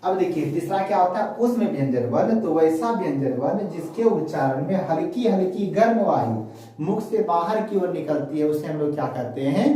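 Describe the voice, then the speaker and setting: A man teaching Sanskrit grammar online, asking questions and then answering them himself, slowly drilling syllables. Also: fairly high pitch, mellow. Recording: very echoey, voice far from mic.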